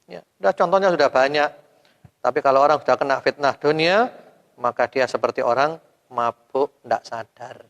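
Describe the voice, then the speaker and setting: A male preacher giving a sermon to a women's study group, firing rhetorical questions at his audience, with sudden loud rises and soft, trailing endings. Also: mid-range voice, normal speed, lo-fi sound. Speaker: Islamic preacher. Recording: long hall reverb.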